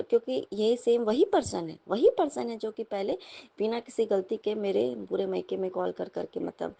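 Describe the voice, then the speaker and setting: Gravelly, husky woman sharing devotional stories. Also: mid-range voice, warm tone. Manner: earnest, repeatedly addressing the listeners as sangat ji. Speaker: satsang speaker. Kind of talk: devotional sharing of personal experiences.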